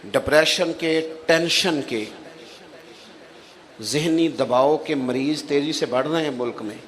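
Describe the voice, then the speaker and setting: A man delivering a religious sermon, telling stories and acting out the voices in them. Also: fairly high pitch. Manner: animated storyteller, acts out quoted voices. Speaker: Islamic preacher. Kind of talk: Urdu religious sermon with storytelling.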